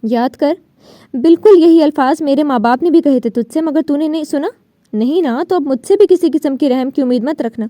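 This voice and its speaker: A woman's voice: high voice, warm tone, no room sound, studio quality, natural voice. A woman reading the part of a vengeful young man in an audiobook novel, with a menacing, sneering delivery.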